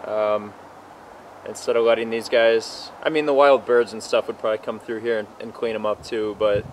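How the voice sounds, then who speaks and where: A man's voice: on the low side, normal speed, slight background noise. A young man filming a casual homestead vlog in a snowy backyard, explaining at an easy pace with lots of ums and uhs. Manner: relaxed, explanatory, many fillers. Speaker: homestead vlogger. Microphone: camera on a tripod.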